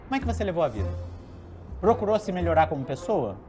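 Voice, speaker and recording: A man with a Brazilian accent playing a blunt, flippant spirit in a comedy sketch, breezy, slangy and deadpan. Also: on the high side, fast, faint music behind. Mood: deadpan, teasing. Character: blunt, flippant spirit friend, casually tactless.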